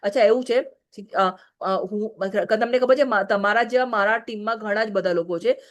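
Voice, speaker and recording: A woman's voice: medium pitch, normal speed. A married woman giving a direct, scolding training talk to her business team, often checking "okay?". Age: adult, married.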